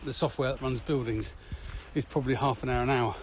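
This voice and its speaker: Still out walking, the man co-hosting the podcast, a trainer, swaps casual stories at a fairly quick clip. His tone stays steady at a medium pitch, and the recording is noisy with surrounding sound.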